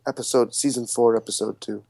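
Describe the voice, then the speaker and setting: A man's voice: medium pitch, fairly even intonation, brisk, creaky, darkish tone, no room sound. A man co-hosting a podcast, giving short, matter-of-fact replies in casual chat. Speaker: podcast co-host.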